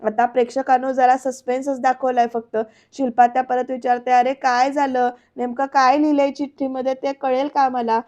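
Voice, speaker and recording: A Marathi-accented woman recaps a TV serial in a high, fairly even voice, telling the scenes as a story and turning to her viewers often. Her voice comes through slightly dull and lo-fi. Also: moderate pace, hardly any pauses. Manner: lively storytelling, addresses viewers directly. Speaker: serial episode reviewer. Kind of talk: voice-over recap narration.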